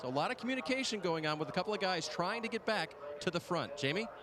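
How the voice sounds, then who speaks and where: A man's voice: high voice, expressive, fast talker, a crowd in the background. A man reporting live as a motorsport pit reporter in a conversational broadcast style. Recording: clear engine and track noise behind.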